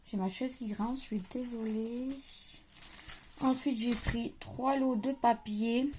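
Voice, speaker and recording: Slow and a little high, with fairly even intonation, a young woman's voice comes through over background noise. She's showing off a craft haul to camera from her craft table at home, creaky chair and all, musing aloud as she unpacks and now and then trailing off. Her accent is lightly regional, French-speaking.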